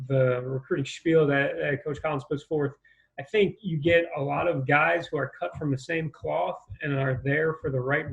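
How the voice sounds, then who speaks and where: Male ex-coach, gravelly fry, hesitant and reflective, muffled video-call sound. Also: on the high side. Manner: thoughtful, hesitant with many ums. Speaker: former assistant baseball coach. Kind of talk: casual video-call interview.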